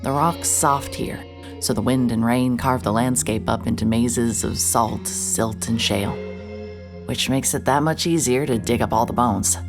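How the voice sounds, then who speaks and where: Over a music bed, a woman with a bass voice narrates unhurriedly in scripted first person as a world-weary private investigator, her tone dry and wry.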